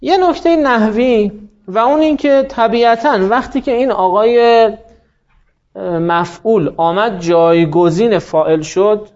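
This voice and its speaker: A man's voice: sits high, darkish tone, dull audio. A male teacher giving a classroom grammar lecture, explaining step by step and quizzing his students by name.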